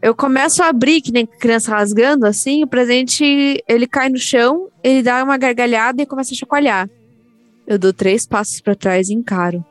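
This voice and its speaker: High-voiced woman telling animated stories. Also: normal speed, dry recording. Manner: animated storyteller, acts out voices in her anecdotes. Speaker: podcast co-host. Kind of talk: casual chat among friends.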